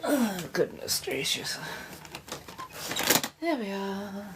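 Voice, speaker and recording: Snacking and sipping as she talks, a livestream host greets her viewers effusively with theatrical pet names. Her mid-range voice is animated and stretches out words, and the audio is very noisy.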